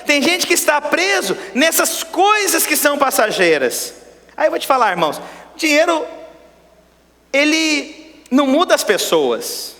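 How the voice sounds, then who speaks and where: A male pastor preaching a sermon, swinging between loud exclamations and hushed asides. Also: very high-pitched, sing-song, measured pace. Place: church sanctuary. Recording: long church-hall reverb.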